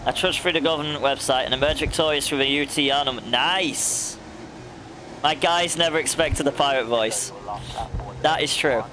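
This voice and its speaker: A man's voice: a little high, moderate pace, a little hiss or hum. A young man streaming a racing game, chatting casually, laughing often and addressing viewers by name. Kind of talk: casual chat while gaming.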